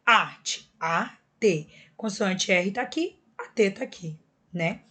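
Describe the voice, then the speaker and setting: A woman's voice: medium pitch, lively intonation, slow, pushed and bright. A woman teacher explains a lesson patiently and step by step, checking in often with her students. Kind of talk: recorded classroom lesson.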